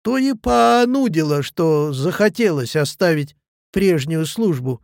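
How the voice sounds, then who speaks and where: A man's voice: high-pitched, animated, unhurried, darkish tone, dry recording, studio quality. A man reading the lines of a bitter, touchy young clerk who answers in clipped, defensive retorts. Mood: defiant.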